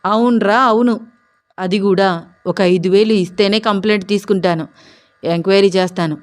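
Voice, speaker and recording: A woman's voice: mid-range voice, steady tone, moderate pace, close to an everyday voice. A woman voicing a rude, drunk, corrupt male head constable who bullies and mocks. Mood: mocking. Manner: bullying, mocking, shouting.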